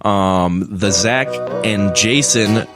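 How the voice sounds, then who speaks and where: A man's voice: lowish voice, extremely slow, loud music behind the voice. A young man co-hosting a casual podcast, rambling with frequent restarts and fillers. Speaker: podcast co-host.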